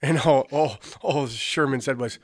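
A man's voice: mid-range voice, unhurried, no echo, studio quality. A man co-hosting a casual sports talk show, cracking jokes and running through scores and team records. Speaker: sports podcast co-host.

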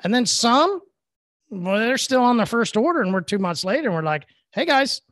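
A middle-aged man co-hosts a podcast, giving a casual motivational talk in long, earnest, rambling stretches where he repeats himself. His voice is very high-pitched with big pitch swings, a moderate pace and a fairly bright tone, recorded cleanly in a studio with no echo.

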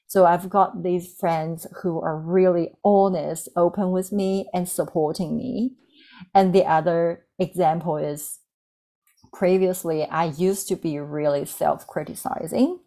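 A Chinese woman in her thirties, a native Mandarin speaker with a Mandarin accent, tells reflective personal stories as an interview guest. Her fairly low, dark-toned voice stays steady and a little slow as she speaks earnestly and candidly, often with ums and restarts.

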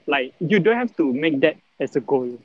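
A man's voice: on the high side, expressive, dull audio. A man in his twenties with a Singaporean accent, giving casual, rambling interview answers in colloquial Singlish, full of fillers and local particles. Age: 20s. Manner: colloquial Singlish with particles like lah, lor and mah; halting, rambling, heavy on filler words. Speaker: interview guest, breakdancer.

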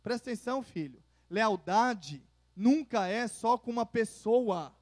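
A Brazilian man preaching as pastor to his congregation, emphatic, swinging between loud declarations and quiet intimate asides. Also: high voice, expressive, unhurried. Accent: Brazilian Portuguese. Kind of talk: sermon. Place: church.

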